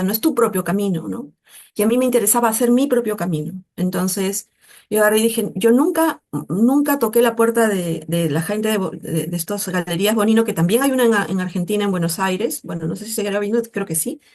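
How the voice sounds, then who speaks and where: A middle-aged Peruvian woman in a casual interview, talking in a chatty, animated way and often tagging her sentences with a questioning "¿no?". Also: medium pitch, brisk. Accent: Peruvian Spanish. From Peru. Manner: chatty, animated, mimics voices in quotes, frequent "¿no?". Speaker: interviewee, artist.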